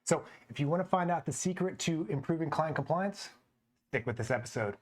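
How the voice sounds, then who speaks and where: A personal trainer co-hosting a fitness podcast tells stories about training his clients, quoting them in a conversational, anecdotal way. His voice is on the high side, expressive and brisk, suited to the casual podcast discussion.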